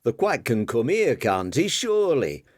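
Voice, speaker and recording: A man's voice: mid-range voice, huge pitch swings, unhurried, no room sound, clean studio sound. A man doing a meek, anxious older man. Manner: meek and tentative.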